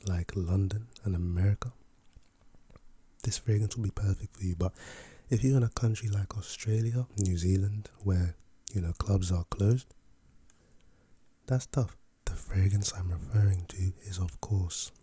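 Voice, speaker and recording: A man playing a laid-back, chatty fragrance salesman in a soft, breathy ASMR role-play for ASMR, with an unhurried, casual patter. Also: sits low, exaggerated voice.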